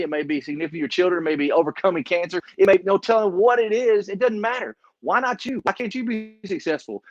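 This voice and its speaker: A man's voice: sits high, dry recording. A man with a Texan accent, a business coach giving folksy, emphatic motivational talk on a video call. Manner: folksy, emphatic, repeats key phrases. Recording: dull, dry sound.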